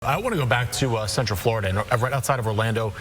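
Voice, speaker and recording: A man anchoring unscripted live news coverage, conversational and halting, often repeating words. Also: medium pitch, noisy background.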